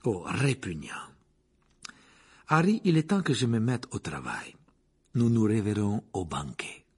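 A man reading aloud and voicing a calm, thoughtful adult male teacher in a low, husky, measured storybook voice. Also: exaggerated voice. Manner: soft-spoken, measured, sometimes whispered.

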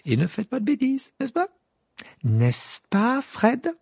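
A fond, fussing mother witch from a storybook, her voice lifted high and swooping, as a man reading aloud puts her on. The tone stays husky and dry. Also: wildly swooping pitch, slow, a little mellow, no echo, exaggerated voice. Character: warm middle-aged mother witch, fussing.

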